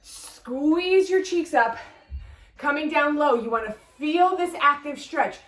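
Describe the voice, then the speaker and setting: A woman's voice: sits high, lively intonation, slow, a bit bright, roomy sound, recorded from a distance. A woman fitness instructor leading a workout class, upbeat as she counts reps and cues form while exercising along.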